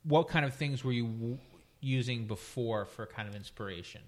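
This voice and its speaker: A man hosting a podcast, talking in a quick, animated way in casual chat. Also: mid-range voice.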